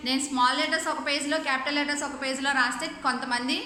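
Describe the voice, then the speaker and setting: She speaks in a rapid-fire, fairly even, high voice with a sharp tone, heavily reverberant. As a woman English teacher in an online lesson, she spells words letter by letter, explains them patiently, mixes in English words, and keeps asking the class questions to check comprehension.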